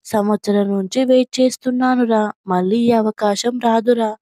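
A young man pleading with his friend in a storybook tale, read by a woman, insistent and coaxing. The voice sits a little high and sounds mellow and dry. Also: fairly even intonation, moderate pace, no room sound, close to an everyday voice.

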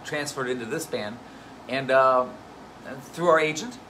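A man at a middle pitch, chatting loosely about his band between fillers and restarts. He speaks as a bassist and musical director in a relaxed live Q&A. Air-conditioning hum sits clearly behind him. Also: unhurried, low-quality recording. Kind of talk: casual live Q&A talk.

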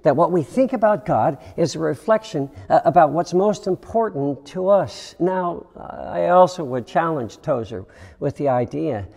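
Man, pastor, sermon, unhurried delivery, gravelly voice, long church-hall reverb. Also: on the high side, animated. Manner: slow, reflective preaching with dramatic pauses and hushed emphasis. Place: church sanctuary.

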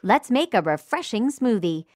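A woman's voice: fairly high pitch, sing-song, moderate pace, noisy background. A woman voicing a perky, encouraging narrator for a children's makeover game, in an exclamatory, sing-song way. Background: music.

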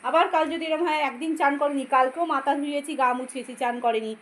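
A woman's voice: high voice, fast, echoey room, a little hiss or hum, poor audio. A woman chatting casually to her viewers as she walks around her home and does chores. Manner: chatty, addresses viewers as friends; talks softly at times, walking around the home. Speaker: vlogger, homemaker. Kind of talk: casual vlog chat to viewers. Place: home, indoors.

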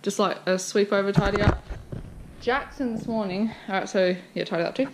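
A young woman rambles casually through her untidy house, full of ums and likes, filmed on a handheld action camera. Her voice sits mid-range for a woman, with clear background noise running under the recording. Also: mid-range voice, a little fast. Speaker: vlogger. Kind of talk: casual house-tour chat. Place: messy family house, indoors. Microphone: wide-angle action camera carried by hand.

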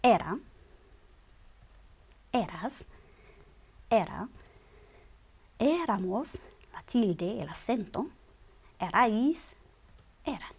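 A woman's voice: medium pitch, big pitch swings, very slow, vocal fry, long pauses, darkish tone, husky. A woman teaching a grammar lesson, drilling verb forms one by one with patient quiz questions. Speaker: Spanish teacher.

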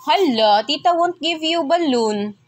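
Filipino woman at home, very high sing-song baby-talk voice, coaching a toddler with repeated prompts, music in the background. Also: animated, a little slow. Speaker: caregiver filming a toddler.

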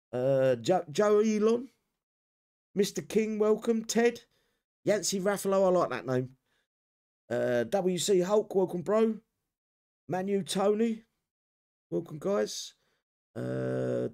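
A man's voice: high voice, gravelly, a little mellow. A man hosting a gaming livestream, reading out viewers' names and stumbling over pronunciations. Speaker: livestream host. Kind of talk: casual gaming livestream chat.

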